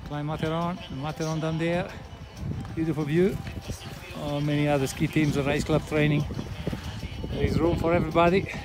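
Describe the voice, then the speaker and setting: A man with a fairly high voice films himself on a glacier ski run and rattles off a snow report in short, clipped bursts. He sounds upbeat and a touch winded from the altitude, caught on an action camera in the open air with loud guitar music behind him. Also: level tone, moderate pace. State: slightly out of breath from effort. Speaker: skier filming a snow report. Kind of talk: casual on-the-go commentary. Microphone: handheld or helmet action camera.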